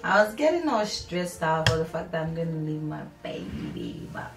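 A woman's voice: deep voice, very animated, normal speed, creaky, heavily acted. An actress playing a sassy young woman who teases and is easily exasperated, in a film drama. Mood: affectionate. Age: young adult. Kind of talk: film acting. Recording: roomy, distant mic, faint music.

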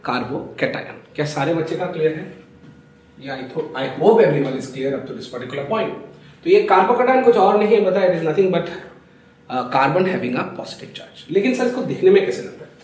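A man's voice: on the high side, expressive, unhurried, a little mellow. Echoey, far-off man teaching chemistry. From Assam, India. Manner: coaxing, repeats checks with students. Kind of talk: classroom lecture. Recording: very echoey room, voice from a distance.

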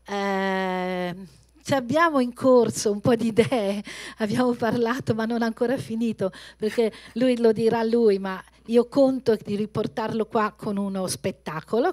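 A woman's voice: a little high, steady tone, moderate pace, darkish tone. A middle-aged woman giving a spontaneous introduction on stage into a handheld microphone, searching for words and rephrasing. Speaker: event host introducing a speaker. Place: theatre stage.

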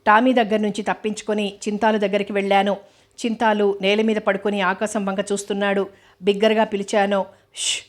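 A woman reading a novel aloud as an audiobook narrator, in a steady, even storytelling read. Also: medium pitch.

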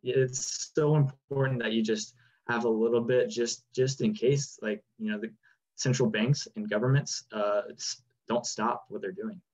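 A man's voice: mid-range voice, a little slow. A man in his twenties, a guest on a video-call interview, talking loosely with many fillers. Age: 20s. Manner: relaxed, lots of "like" and "you know". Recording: dull lo-fi video-call audio.

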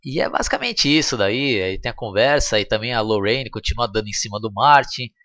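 A man's voice: lowish voice, lively intonation, fairly quick, pushed and bright, no room sound. Chatty Brazilian man recapping a film. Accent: Brazilian Portuguese. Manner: chatty and slangy, retells scenes with frequent tag questions. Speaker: film reviewer. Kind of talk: casual film commentary.

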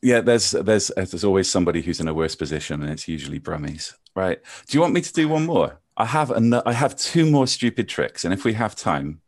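A man with a gentle Bristol accent, a maths teacher chatting over a video call and walking through card tricks with self-deprecating jokes. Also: deep voice, animated, brisk, few pauses, dry recording, studio quality. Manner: self-deprecating, jokey, chatty with frequent ums. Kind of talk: casual chat and card trick demonstration.

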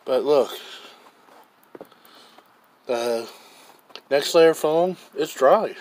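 Speaking very slowly in a slightly high, somewhat mellow voice, a man reviews gear outdoors on a deck while filming with a handheld camera. His talk is casual, rambling, and plainspoken, like he's thinking aloud.

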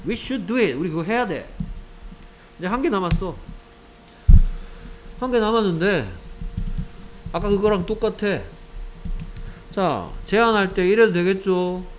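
Slow, higher-voiced male teacher. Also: expressive, slight background noise, poor audio. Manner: keeps checking understanding with quick questions; repeats each phrase in English then Korean. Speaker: English teacher. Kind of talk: classroom grammar lecture.

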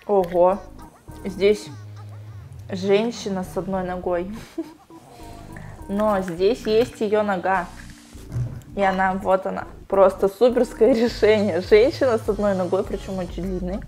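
Her voice mid-range, steady and dark in tone, a young woman speaks slowly and pauses often as faint music plays. She sits in the bathtub of a small tiled home bathroom, lapel mic on, playfully chatting to her dog and viewers while opening toys for a vlog.

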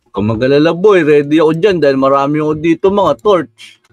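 A man with a high voice, recorded dry and close, plays Minecraft alongside the host. He is eager and repeats words in quick little bursts. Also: animated, dry recording. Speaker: co-player. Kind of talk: excited Minecraft let's-play chat.

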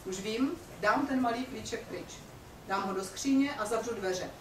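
A woman's voice: a little high, background noise, pitched below the performer's own voice, natural voice. A woman reading a frightened young wife. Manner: fearful, pleading. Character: frightened young wife pleading for her life. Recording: roomy hall from a distance.

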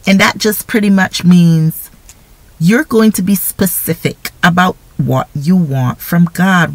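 A woman's voice: lowish voice, no echo, rough recording. A woman giving an informal devotional talk on prayer, speaking conversationally and often checking in with listeners by asking "right?". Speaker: faith speaker.

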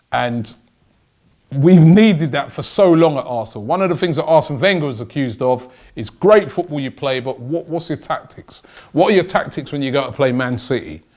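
A middle-aged man giving opinionated football commentary as a show host, speaking emphatically and repeating phrases for stress. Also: fairly high pitch. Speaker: football fan channel host. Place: indoor studio desk with branded backdrop. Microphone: several stand microphones on desk.

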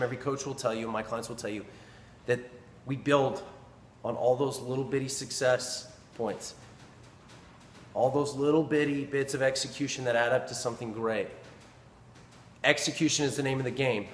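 In a small, echoey indoor gym with long reverb, a personal trainer in his thirties delivers an earnest, emphatic motivational talk to a camera close in front of him. His medium-pitched voice is bright and forceful, moving at a moderate pace with long pauses, and he repeats phrases for stress over a little hiss or hum.

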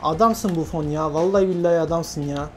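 A young man from Turkey giving lively, self-talking commentary while playing a football video game, urging on his players. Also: on the high side, a little fast, faint music behind. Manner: animated, talks to himself and his players, frequent laughs. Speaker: gaming YouTuber. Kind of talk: excited gameplay commentary.

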